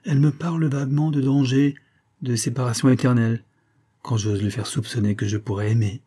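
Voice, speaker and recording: A man's voice: medium pitch, fairly even intonation, a little fast, warm tone, slightly rough, close to an everyday voice. A man reading the lines of a proud, melancholy young noblewoman in an earnest, reproachful way.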